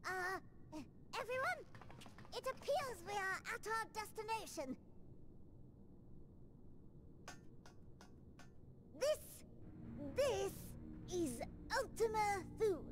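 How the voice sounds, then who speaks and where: Very squeaky little rabbit creature. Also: female voice, expressive, takes it slowly, exaggerated voice. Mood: hesitant, announcing. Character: small, earnest rabbit-like creature leading its crew. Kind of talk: scripted game voice acting. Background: music.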